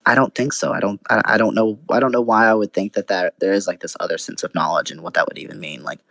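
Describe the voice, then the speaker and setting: A man's voice: lowish voice, steady tone, quick pace, creaky, a bit bright, dry recording. A young man in a casual philosophical debate over voice chat, thinking aloud with frequent restarts, fillers and hedging.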